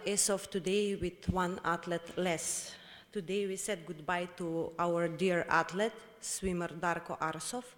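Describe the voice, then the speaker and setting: A woman giving a formal, somber speech as president of a sports organization. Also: fairly low pitch. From North Macedonia. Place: event hall. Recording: long hall reverb.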